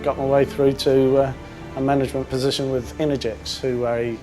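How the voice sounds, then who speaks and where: A man from England speaks in a relaxed interview, stopping often for ums and uhs as he gathers his thoughts. His voice sits at an ordinary pitch. Clear music plays behind him. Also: fairly quick. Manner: hesitant, many ums and uhs. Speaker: amateur boxer in a charity fight. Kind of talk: casual interview talk. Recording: music playing underneath.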